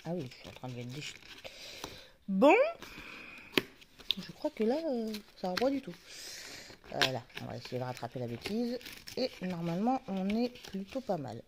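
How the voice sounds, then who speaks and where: A woman's voice: on the low side, sing-song, moderate pace, long pauses, slight background noise. A woman chatting casually to her viewers as she opens advent calendar doors, muttering asides and talking to the camera's focus. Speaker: YouTuber unboxing advent calendars. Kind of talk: casual chat.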